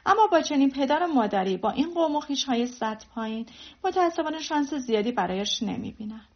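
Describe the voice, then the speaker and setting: A woman's voice: high-pitched, animated. A woman voicing a gossiping, disdainful married lady in a storybook reading. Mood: gossipy. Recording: dull lo-fi recording.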